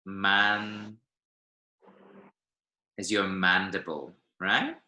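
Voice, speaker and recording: A man's voice: low-pitched, steady tone, drawn-out words, bright, forceful tone, echoey room, muffled recording. A man teaching a one-to-one language lesson over a video call, patiently checking that his student follows with frequent "yeah?" and "right?". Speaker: Spanish teacher.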